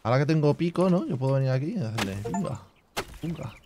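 A man's voice: mid-range voice, animated, rapid-fire. Guy doing let's play commentary, mumbles through menus, talks to viewers, faint hiss behind. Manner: thinks aloud, reading game menus half to himself; chatty asides to viewers with filler tags like "tío". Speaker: gaming channel host.

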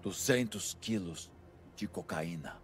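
Low, menacing Brazilian male smuggler. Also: slow. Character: menacing, impatient armed male drug smuggler. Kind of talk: dubbed film thriller acting.

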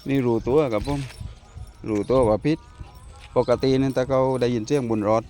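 Guy vlogging with his dog, tells it off loud then chats polite, faint noise behind. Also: medium pitch, moderate pace. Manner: scolds his dog sharply, then speaks politely to viewers. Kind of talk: casual vlog chat.

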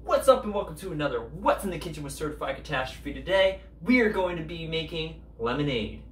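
A young man hosting a comedic home cooking vlog, goofy and jokey, sometimes breaking into loud mock commands, filmed in his kitchen on a camera mic. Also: fairly high pitch, lively intonation, a little fast, roomy sound, a little hiss or hum. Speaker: cooking video host.

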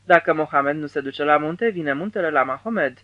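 A male narrator voicing a caring, resourceful wife in an audiobook, speaking gently and affectionately. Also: fairly high pitch, no echo, dull audio, close to an everyday voice.

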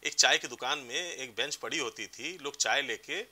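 A man's voice: medium pitch, normal speed, sharp tone. A man giving advice as a career counselor on a TV talk show, explaining with examples. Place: TV studio.

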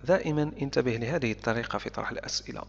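Gravelly guy explaining english words bit by bit, long reverb, kinda muffled. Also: mid-range voice, rapid-fire, faint music behind. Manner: explains word by word with short repeats. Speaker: English teacher. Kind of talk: explanatory language lesson.

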